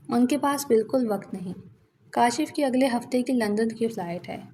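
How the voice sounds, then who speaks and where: A woman's voice: medium pitch, mellow, a little hiss or hum, lightly acted. Woman voicing a bossy scheming wife. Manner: commanding, pushy.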